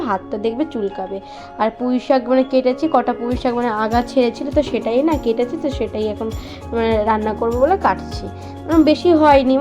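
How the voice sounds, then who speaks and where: A woman's voice: fairly high pitch, lo-fi sound. A young woman, chatting casually with viewers in a home vlog, full of fillers. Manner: chatty, many fillers, addresses viewers as guys; speaks softly so as not to wake her baby. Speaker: vlogger. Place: home kitchen and bedroom, indoors.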